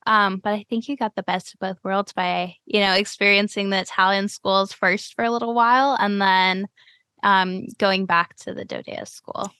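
A woman's voice: medium pitch, fairly even intonation, moderate pace, sharp tone, smooth, no room sound, studio quality. A woman from Cleveland, Ohio, hosting a podcast in a casual chat, friendly and full of "you know" fillers. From Cleveland, Ohio, USA. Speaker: podcast host.

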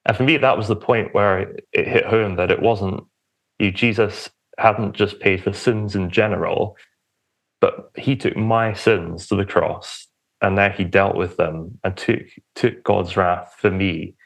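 Lowish-voiced young man, hesitant. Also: fairly even intonation, measured pace, creaky, rough recording. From England, Romford in Essex on the edge of London. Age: young adult. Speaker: podcast guest, church minister. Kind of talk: conversational personal testimony.

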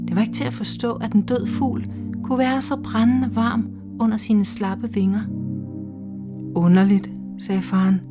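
A woman reading a literary short story aloud in a slow, hushed, measured way. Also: on the high side, fairly even intonation. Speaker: reader. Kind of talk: scripted literary narration. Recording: faint music underneath.

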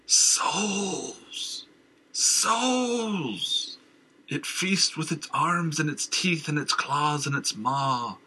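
A man voicing a haunted, raving madman who leaps between shrill cries and rasping whispers. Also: animated, extremely slow, sharp tone, a little hiss or hum, full character voice, poor audio. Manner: wild cackling ravings, drops to rasping whispers. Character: raving mad old man, haunted and twitchy.

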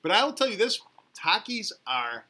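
A man in his fifties co-hosting a podcast, playful and jokey with loud exclamations. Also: sits high, big pitch swings, normal speed. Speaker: podcast co-host. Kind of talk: casual chat.

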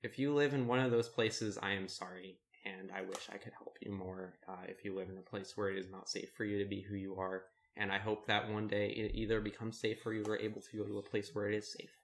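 Low-voiced man giving casual advice. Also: fairly quick, hardly any pauses, slight background noise. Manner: relaxed, many fillers and restarts. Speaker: podcast co-host.

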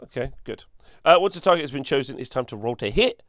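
A man's voice: medium pitch, lively intonation, fast talker, a bit bright, no echo. Chill guy reading wargame rules on a podcast, um-heavy, mid voice, dry sound. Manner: hesitant, filler-heavy, laughs easily. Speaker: co-host. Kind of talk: casual podcast chat, reading rules aloud.

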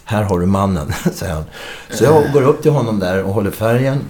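A man's voice: lowish voice, animated, a little mellow. A middle-aged man, a musician guest, telling a story in a casual interview, acting out the quoted dialogue and swearing casually.

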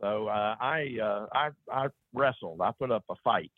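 A man from East Tennessee with an Appalachian accent, talking casually as an interview guest in a folksy, unhurried storytelling way. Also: on the low side, no room sound, narrow, tinny audio. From East Tennessee, USA. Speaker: guest author.

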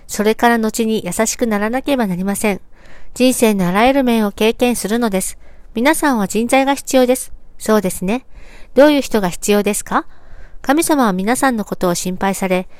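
A woman with a fairly high, smooth and resonant voice reads a sermon text aloud. Her delivery is calm and measured, a steady scripted recitation. The sound is dry and close, with no room around it. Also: dry recording. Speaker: reader of religious teachings.

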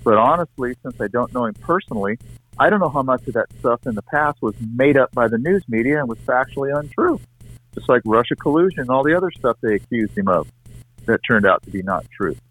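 A man's voice: medium pitch, lively intonation, a little fast, a bit bright, poor audio. A middle-aged man co-hosting a casual political chat, giving emphatic opinions in a conversational way. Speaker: co-host.

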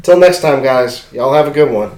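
A young man co-hosts a podcast, chatting casually and rambling with plenty of filler words and free swearing. His voice is mid-range with a darkish tone, and he talks at a moderate pace. The room sounds echoey.

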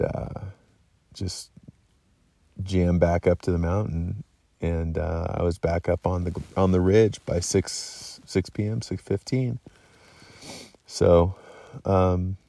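Tired deep-voiced man rambling by his tent. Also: creaky, no echo. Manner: relaxed, rambling, many ums and restarts. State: tired, yawning. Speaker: hunter vlogger. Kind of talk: casual night camp vlog recap. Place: outdoors at a mountain camp by a tent at night.

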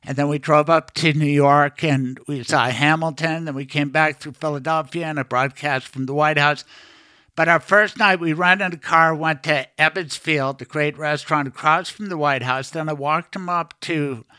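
A man's voice: a little high, steady tone, normal speed, pushed and bright, smooth, no echo, studio quality. A middle-aged man hosting a podcast, chatting casually with a guest, telling anecdotes and giving strong opinions. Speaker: podcast host. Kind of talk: casual interview chat.

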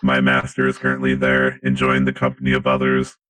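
A man doing a deep, deadpan robot stand-in. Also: fairly quick. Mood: deadpan robotic. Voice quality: flat, clipped robotic delivery in short sentences. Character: robot stand-in posing as a missing co-host, stiff and deadpan. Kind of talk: comedic podcast bit.

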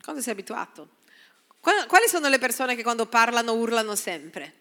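A woman pastor preaches with a bright, forceful tone and a fairly high voice. She calls "Amen?" to her congregation and swings between hushed asides and loud, pressing lines. Her voice rings with the long reverb of a large hall. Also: big pitch swings, a little fast. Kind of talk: sermon.

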